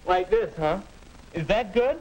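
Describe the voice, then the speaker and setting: With a high, expressive voice at a measured pace, a young actor portrays a restless, skeptical teen boy in a 1950s educational film. He comes across earnest and questioning, puzzled yet curious, over a noisy period soundtrack.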